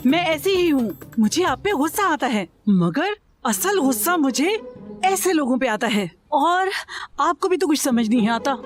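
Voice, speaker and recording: A sharp-tongued scolding woman. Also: high voice, big pitch swings, a little slow, faint music behind.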